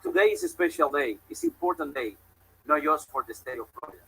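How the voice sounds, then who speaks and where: A man's voice: on the high side, expressive, fast talker, background noise. A man from Cuba, giving an emphatic, grateful public speech. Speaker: speaker at a public event.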